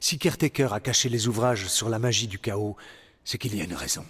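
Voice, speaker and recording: A man's voice: on the low side, a little fast, a bit bright, husky. An actor playing an earnest, curious young male hero in a French video game dub, asking plenty of questions. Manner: inquisitive, earnest.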